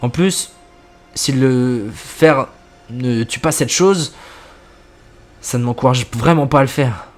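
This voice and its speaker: A man's voice: medium pitch, slow, pauses often, natural voice. A man reading the lines of a frightened male doctor who asks tense, hesitant questions in a scripted horror story. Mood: anxious. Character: frightened male doctor, the first-person narrator.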